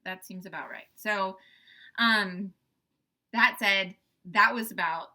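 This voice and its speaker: A woman's voice: mid-range voice, takes it slowly, pushed and bright. A young adult woman, a farm host, tells a story in a casual, chatty way. She laughs often and uses lots of fillers. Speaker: farm owner and show host.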